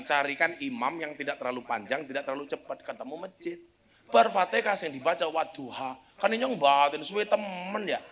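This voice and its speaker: A man's voice: on the high side, fairly bright tone. A man preaching a humorous sermon, telling stories and breaking into chanted Arabic recitation.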